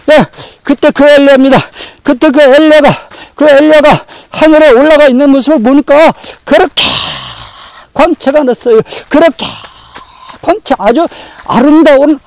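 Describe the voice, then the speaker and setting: Man pastor w/ a really high voice, preaching a story sermon, keeps repeating lines and acting stuff out, dry close sound. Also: normal speed, no room sound, poor audio. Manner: animated, repetitive, acting out feelings in first person.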